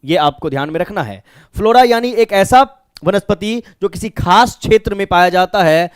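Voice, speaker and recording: A man's voice: high-pitched, normal speed, clean tone, dry recording, studio quality. A man with a Bihari accent teaching an exam-prep vocabulary lesson. He explains step by step, asking questions and answering them himself.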